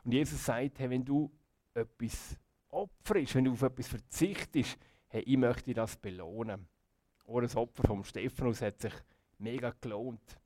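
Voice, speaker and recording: A man's voice: medium pitch, moderate pace, warm tone, no room sound. A man with a Swiss German accent giving a children's devotional talk. He speaks casually and conversationally, often dropping in "hey" and "gell". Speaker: youth preacher.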